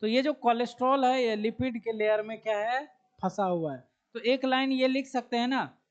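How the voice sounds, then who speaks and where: A man's voice: extremely high pitch, normal speed, clean tone. A man with a Bihari Hindi accent teaching a biology class. He asks the students questions, answers them himself and repeats key terms as he writes them on the board. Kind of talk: classroom lecture. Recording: dull lo-fi classroom recording.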